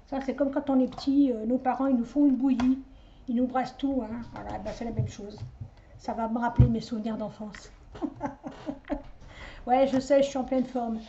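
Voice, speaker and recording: Une femme d'âge mûr, médium, qui bavarde et digresse avec autodérision en tirant les cartes chez elle. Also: female voice, sits high, dark tone, slight background noise. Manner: chatty, rambling, self-mocking asides. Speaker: psychic medium doing a card reading. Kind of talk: casual chatty live reading. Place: at home, indoors. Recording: dull lo-fi home recording.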